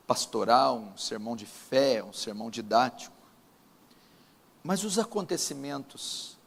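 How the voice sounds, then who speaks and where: A man with a Brazilian Portuguese accent, a pastor praying and preaching at a church service, solemn and emphatic with drawn-out pauses. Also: medium pitch, gravelly, slightly rough, big-room sound. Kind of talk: sermon with opening prayer.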